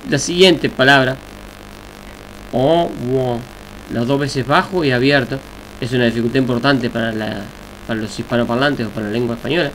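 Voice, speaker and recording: Man teaching a slow language lesson. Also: mid-range voice, fairly bright tone, rough recording. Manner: slow, deliberate explaining with examples. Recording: faint hiss and mains hum.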